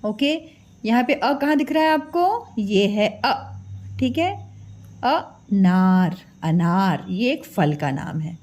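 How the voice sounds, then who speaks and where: Unhurried and sing-song, a woman with a darkish, high-leaning voice teaches children the alphabet in Hindi. She drills every sound with patience, tests the children, and drops in English words for drawing.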